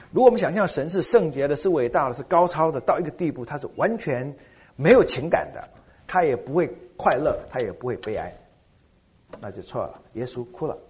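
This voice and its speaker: A middle-aged man, a pastor, preaching a sermon with animated rhetorical questions. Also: a little high, husky.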